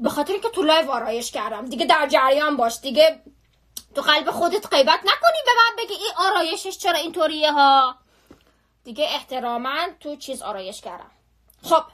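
A young woman chats on a phone live stream, spinning a story in a lively, slangy way that keeps circling back on itself. Her voice sits high and rings bright and sharp. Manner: animated, chatty, full of slang and repetition.

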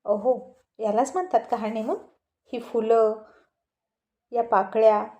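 A naive, innocent young bride, as a woman storyteller puts her on asks her questions in a pleading, childlike manner. The voice sits fairly high but stays soft and mellow, the way a woman reading a story aloud would lend it. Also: fairly even intonation, slow, lo-fi sound. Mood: curious.

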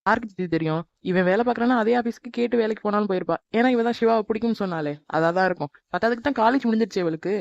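A woman voicing a sharp-tongued, jealous young woman in a cartoon, scolding and sarcastic. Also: medium pitch, racing, gravelly, hardly any pauses, dry recording, muffled recording, natural voice. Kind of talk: animated cartoon dub.

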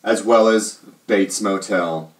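A man's voice: lowish voice, slow. A man co-hosting a casual show, talking in a rambling way full of fillers and hedges. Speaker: co-host. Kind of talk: casual chat reviewing a TV show. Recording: roomy, distant mic.

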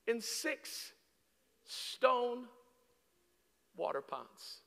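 A man in his thirties preaching a sermon on a large church stage with a handheld mic, swinging from hushed, slow lines to shouted peaks. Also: extremely high pitch, very animated, gravelly. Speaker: guest preacher. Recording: long hall reverb.

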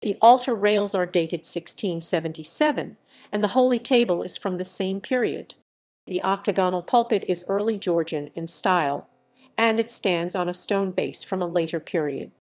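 A woman reading an encyclopedia article aloud in an even narration, reading symbols and captions out literally. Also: lowish voice, normal speed. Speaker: article reader.

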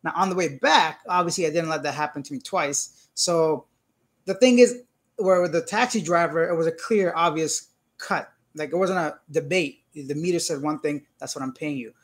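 Animated man telling a story, slightly higher voice. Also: normal speed. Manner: animated storytelling with frequent "I'm like" quotes; reads out chat comments and greets viewers. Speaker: livestream host answering viewer comments. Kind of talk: casual live Q&A chat.

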